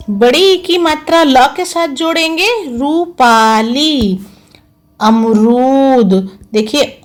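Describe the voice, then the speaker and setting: Woman schoolteacher for a children's online class; high, animated voice, slow, patient, spells out every syllable. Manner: slow, careful, spelling out each sound and syllable; patient, repeats each word twice. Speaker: school teacher. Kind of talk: online Hindi lesson for young children.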